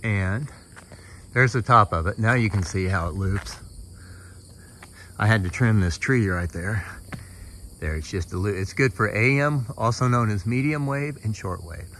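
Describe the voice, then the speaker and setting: A fairly low, slightly bright male voice, unhurried and broken by long pauses. The speaker is a middle-aged American hobbyist giving a plain-spoken, casual show-and-tell outside in a yard and on a roof, recorded with insect noise around.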